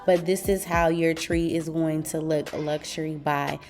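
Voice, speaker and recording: A woman's voice: low-pitched, fairly even intonation, unhurried, a little mellow, faint music behind. A woman in her apartment chatting casually to viewers as she decorates and explains, with sassy, slangy asides. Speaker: vlogger. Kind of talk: casual home vlog, tutorial. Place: apartment living room, indoors.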